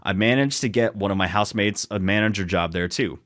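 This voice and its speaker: A man's voice: lowish voice, brisk, a bit bright. A man from New York, co-hosting a podcast and reading stories aloud in a joking, easygoing way that trips over words. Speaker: podcast co-host.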